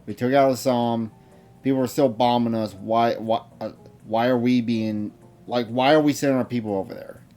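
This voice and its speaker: A man's voice: medium pitch, fairly even intonation, moderate pace, dark tone, faint music behind. An American man co-hosting a casual reaction stream, talking in a laid-back, wry way. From United States. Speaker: co-host reacting to news.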